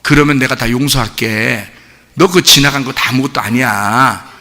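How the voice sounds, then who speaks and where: A man voicing a father who quietly coaxes his child to repent and be forgiven. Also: moderate pace. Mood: coaxing. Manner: soft, low and coaxing. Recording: long church-hall reverb.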